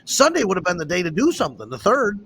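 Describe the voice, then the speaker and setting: Excitable chatty man hosting a show. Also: sits high, quick pace, slightly rough. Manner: excitable, animated storyteller. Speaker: host. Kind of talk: casual chat.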